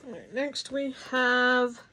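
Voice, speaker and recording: Woman, unboxing vlog, casual, dry humor, talks through food, slow delivery. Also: high voice, sharp tone, a little hiss or hum. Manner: chatty, wry, bursts of mock outrage. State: talking while chewing. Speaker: unboxing vlogger.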